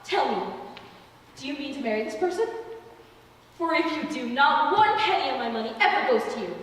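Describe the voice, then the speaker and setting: Woman acting a haughty, high-voiced old aunt, echoey stage. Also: lively intonation, fairly quick. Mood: indignant, imperious. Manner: imperious, indignant. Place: theater stage, recorded from the audience area. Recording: roomy theater, distant mic, faint noise.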